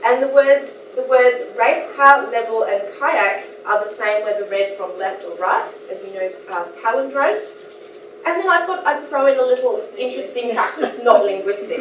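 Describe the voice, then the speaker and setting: A woman's voice: a little high, noisy background. Australian woman lecturing in an echoey hall. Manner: chatty, self-deprecating, laughs between points. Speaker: guest lecturer. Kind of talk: academic lecture. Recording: echoey hall, mic from a distance.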